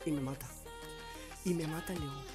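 Hoarse excitable man from Spain gaming. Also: fairly high pitch, normal speed, over music. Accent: Spain Spanish. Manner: excitable, shouting reactions, rambling. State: hoarse, sore throat. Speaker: gaming YouTuber. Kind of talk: live gameplay commentary.

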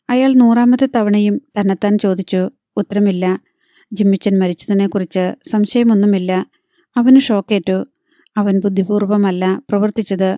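A woman reading a novel aloud as an audiobook narrator in a measured, even storytelling manner, close to the mic. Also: medium pitch, dry recording.

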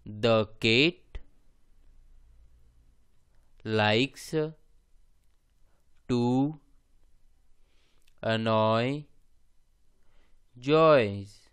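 A man reading aloud for beginning readers, deliberately and word by word, with long pauses between phrases. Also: mid-range voice, a bit bright, clean tone, dry recording.

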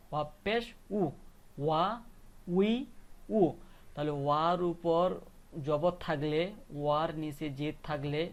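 Brief: male lesson voice, slightly high, patient slow repetition of syllables. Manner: slow, repetitive drilling of letter sounds. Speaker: Quran reading teacher. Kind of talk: step-by-step recitation lesson.

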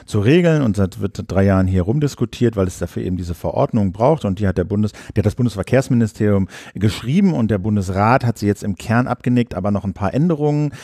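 A male podcast host with a lowish, mellow voice. He explains at an even pace, with occasional fillers. The sound is dry and close. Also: fast talker, hardly any pauses, breathy edge, no room sound. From Germany. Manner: steady explanatory delivery with fillers. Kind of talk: political podcast chat and read ad.

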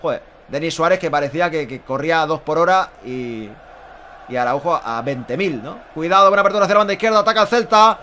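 A man's voice: fairly high pitch, lively intonation, quick pace, pushed and bright, slight background noise. A man in his thirties with an accent from Spain gives live Spanish football goal commentary as a fan, emphatic, repetitive and exclaiming. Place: small indoor room at home.

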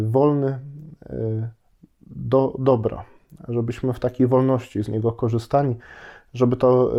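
A priest with a cold giving a short, unhurried Lenten meditation from his home, pausing often with hesitations. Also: mid-range voice, warm tone, highs cut off. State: has a cold. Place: at home, indoors.

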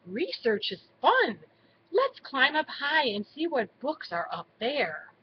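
A woman's voice: high voice, wildly swooping pitch, slow pace, dull audio, slight background noise, exaggerated voice. A woman voicing an eager, adventurous young female mouse in a storybook reading. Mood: curious. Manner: eager, persuasive.

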